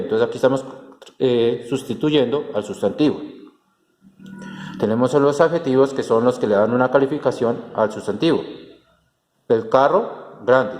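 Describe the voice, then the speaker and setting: A man's voice: medium pitch, darkish tone. A man, a teacher explaining a class lesson step by step, with frequent fillers and restarts. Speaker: Spanish teacher. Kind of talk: recorded class tutorial. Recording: roomy echo with long reverb and faint background noise.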